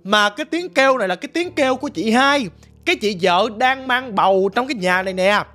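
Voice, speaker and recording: A man's voice: extremely high pitch, lively intonation, a little fast, bright, forceful tone, faint music behind. A man narrating a ghost story in a conversational, colloquial way.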